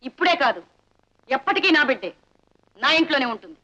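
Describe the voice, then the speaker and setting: A haughty, sharp-voiced matriarch. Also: female voice, high-pitched, big pitch swings, fast talker, heavily acted. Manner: haughty, commanding. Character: domineering proud mother, older woman. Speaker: mother-in-law. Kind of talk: film melodrama acting. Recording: dull old film soundtrack.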